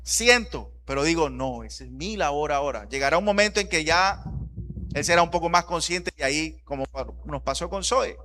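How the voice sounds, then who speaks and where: Impassioned pastor preaching. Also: male voice, a little high, animated, normal speed, a little hiss or hum. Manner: swings from soft reflective lines to loud, rising repetition. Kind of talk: sermon.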